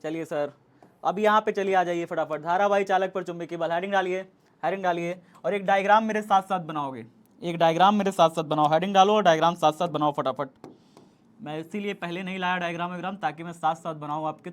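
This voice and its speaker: A man's voice: on the high side, fast talker. A man teaching a physics class, repeating each point and urging students to keep up. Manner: repetitive, coaxing, urging students to hurry. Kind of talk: classroom lecture.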